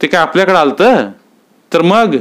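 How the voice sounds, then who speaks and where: A man's voice: sits high, expressive, normal speed, pitched above the performer's own voice. A man playing a scolding village husband. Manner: shouting, scolding.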